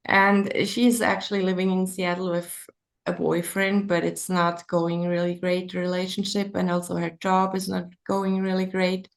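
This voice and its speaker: A woman's voice: fairly low pitch, level tone, normal speed, vocal fry. A woman from Switzerland with a Swiss German accent, an author thinking aloud hesitantly in a conversational interview.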